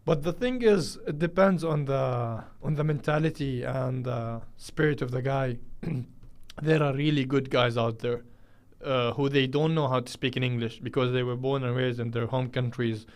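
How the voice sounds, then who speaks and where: A man's voice: mid-range voice, moderate pace. A man raised in the UAE chatting casually on a radio show, agreeing and building on his co-host's points with frequent uhs. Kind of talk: casual chat.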